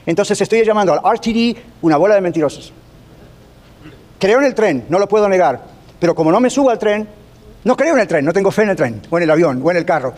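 High-voiced man preaching with playful asides. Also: lively intonation, quick pace, a little mellow. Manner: storytelling, playfully acts out little voices; mixes in English phrases. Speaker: radio preacher. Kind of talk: conversational radio sermon.

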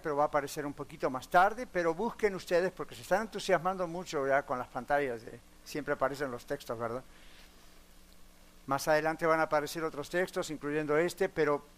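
A man preaching a sermon in a church, speaking earnestly and putting direct questions to the congregation, with a few English words mixed in. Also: on the high side. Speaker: pastor. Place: church sanctuary. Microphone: broadcast on radio and online.

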